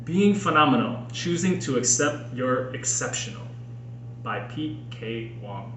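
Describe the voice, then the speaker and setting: This Minnesota man, an author who also hosts a podcast, narrates his own personal writing at a measured pace, much like a self-made audiobook. His mid-range delivery is sincere and expressive, each phrase set down deliberately. The recording sounds roomy and echoey, with a faint hum of background noise.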